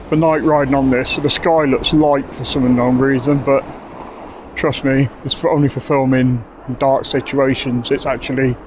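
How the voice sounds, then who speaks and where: A man's voice: mid-range voice, a little mellow, slight background noise. A man giving a chatty, enthusiastic bike review outdoors, rambling a little as he talks. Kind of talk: casual video review.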